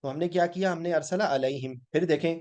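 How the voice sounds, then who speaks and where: In a weekly Quran class, a man patiently explains grammar, mixing in English words and frequently checking "ठीक है?" with his students. His voice is on the high side and darkish, and he speaks at a quick pace.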